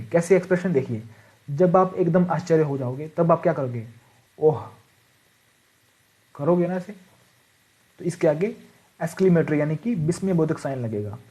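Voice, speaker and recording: A man's voice: a little high, brisk, mellow. A male teacher giving an online exam-prep grammar lesson, writing on a board as he explains and often asking rhetorical questions and checking in with "ठीक है". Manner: writes on a board while explaining.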